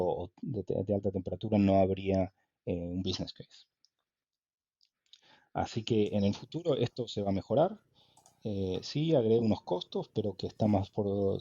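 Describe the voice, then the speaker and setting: A man with an Argentine accent, a guest in an interview, explaining technical points in a measured, hesitant way with many fillers. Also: deep voice, warm tone, slightly rough, dry recording, lo-fi sound. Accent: Argentine Spanish. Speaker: guest engineer.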